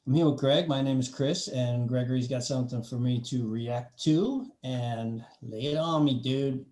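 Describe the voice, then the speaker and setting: A man's voice: mid-range voice, moderate pace. A man hosting a music reaction video, chatting casually and joking with his co-host. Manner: joking, animated banter.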